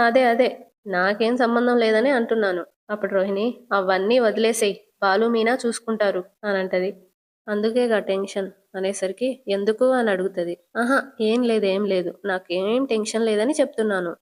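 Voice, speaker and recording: Telugu-accented woman recapping a tv serial, storyteller vibe, lightly acts out the quotes. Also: medium pitch. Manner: retells scenes, voicing quoted lines with slight emphasis.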